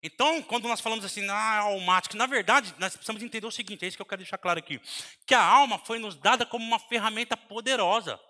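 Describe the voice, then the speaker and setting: A man with a Brazilian Portuguese accent preaching a sermon in a large church hall, breaking into sudden shouts between softer asides. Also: high voice, quick pace. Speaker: pastor. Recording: long hall reverb.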